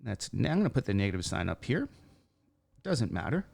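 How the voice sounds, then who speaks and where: A man with a slightly squeaky voice teaching math informally, talking through each step and posing questions he then answers himself. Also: big pitch swings, brisk, vocal fry, a little mellow, no echo. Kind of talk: informal worked-example lesson, thinking aloud.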